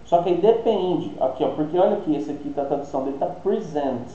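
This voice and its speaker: A man's voice: on the high side, brisk, dark tone. A man with a Brazilian accent teaching an online English class, explaining pronunciation and checking in with tag questions. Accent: Brazilian Portuguese. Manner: explanatory, thinking aloud with many tag questions. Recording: roomy, dull lo-fi sound with faint hiss.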